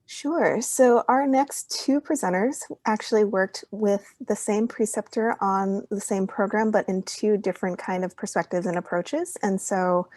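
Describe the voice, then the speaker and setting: A woman moderates an online event, politely introducing who comes next. Her voice is medium in pitch and sounds dry, without room echo. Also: darkish tone. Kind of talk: polite event hand-over.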